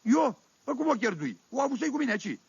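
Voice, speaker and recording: Un actor care imită un tânăr soldat țăran, naiv și încet la minte, cu accent oltenesc, protestând smiorcăit. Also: male voice, very high-pitched, very animated, gravelly, slightly rough, no room sound, voice pushed up, exaggerated voice. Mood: protesting. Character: dim-witted young peasant soldier, naive. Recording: dull dry 1978 vinyl radio recording.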